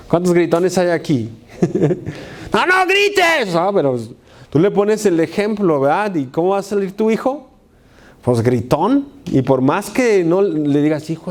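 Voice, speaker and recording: A male pastor delivers a sermon, having the congregation repeat key words back to him. His voice sits fairly high but sounds warm and mellow. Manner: call-and-response preaching, repeating key words. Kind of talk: sermon with prayer.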